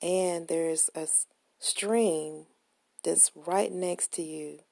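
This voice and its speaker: A woman guides a relaxation meditation at a very slow pace, in a lowish, mellow voice. Her delivery is soft, gentle and soothing, with a breathy, husky grain. She sounds close to the microphone in a dry space. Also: fairly even intonation, no room sound. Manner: soothing, gentle, unhurried instruction.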